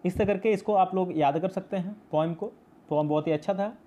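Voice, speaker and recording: A man's voice: sits high, fairly quick, mellow, lo-fi sound. A male teacher explaining a poem in a class video, patient and repetitive, mixing English terms into his speech. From India.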